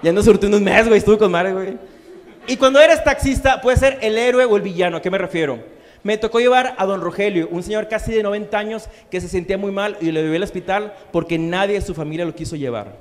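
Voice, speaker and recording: A man performs crude stand-up full of slang at a comedy bar, his voice sitting high and his pace quick. His punchlines come with acted-out quotes, heard through the long reverb of a live club.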